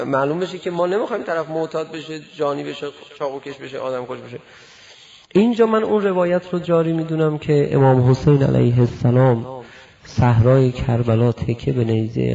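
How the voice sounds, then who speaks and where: A man's voice: on the high side, creaky, darkish tone, lo-fi sound. A man giving a religious lecture, asking rhetorical questions and acting out imagined exchanges with his listeners. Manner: rhetorical, acts out imagined dialogues. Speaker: preacher.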